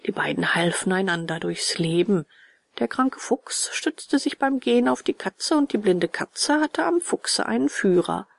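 Woman reading a storybook aloud, lively. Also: mid-range voice, measured pace, vocal fry, dry recording, clean studio sound. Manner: lively, expressive read-aloud.

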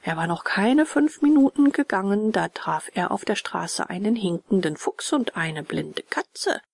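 A woman reading a children's storybook aloud in a lively, expressive way. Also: medium pitch, measured pace, vocal fry, breathy edge, no echo.

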